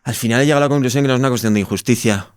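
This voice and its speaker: This is a very fast, medium-pitched male voice with a clean tone, captured in a clean studio without room sound. He's a startup co-founder from Madrid with a Spanish accent, reflectively recounting his own story in a conversational interview and often rephrasing.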